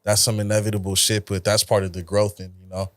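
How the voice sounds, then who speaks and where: A young man from the Los Angeles area, a rapper, telling stories in a relaxed, slangy, profane way in a casual interview. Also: fairly low pitch, fast, no echo. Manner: laid-back, slangy, profane storytelling. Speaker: rapper guest.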